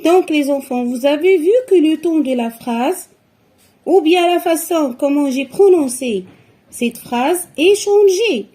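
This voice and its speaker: A woman's voice: sits high, animated, mellow. A woman teaching a grammar lesson to young children, explaining patiently and repeating each step. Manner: slow, patient explaining with repetitions.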